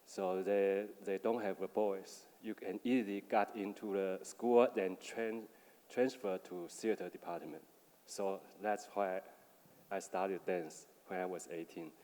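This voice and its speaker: A man, a dancer on a panel, speaking in a halting way with many restarts. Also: sits low, fairly even intonation, a little mellow. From Taiwan. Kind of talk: panel talk. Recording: long reverb of a hall.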